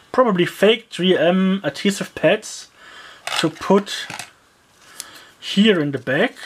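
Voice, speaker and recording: Slow, halting gadget reviewer, grumbling. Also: mid-range voice, a little hiss or hum. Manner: rambling, halting, grumbling asides; frequent fillers like yeah and uh. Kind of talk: casual product teardown commentary.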